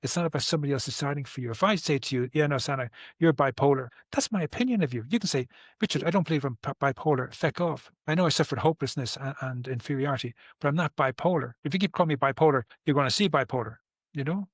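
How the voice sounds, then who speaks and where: A therapist in his sixties with an Irish accent explains his approach, speaking fast at a medium pitch. He is earnest, keeps restarting and repeating words, and leans on everyday examples. The audio is studio quality with no echo.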